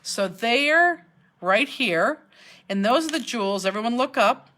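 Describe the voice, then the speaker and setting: This woman, speaking with the accent of her hometown of Cleveland, Ohio, leads a live online craft class in an indoor studio and chats while answering viewer comments. Her voice is slightly high, expressive and fairly bright, and she takes her time.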